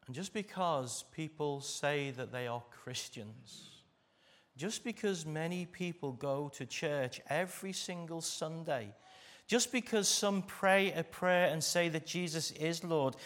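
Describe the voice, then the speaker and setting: A man's voice: a little high, slow pace, fairly bright tone. A man with an English East Midlands accent from Derbyshire, preaching a church sermon in an emphatic way, repeating phrases for weight. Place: speaking live to a church congregation.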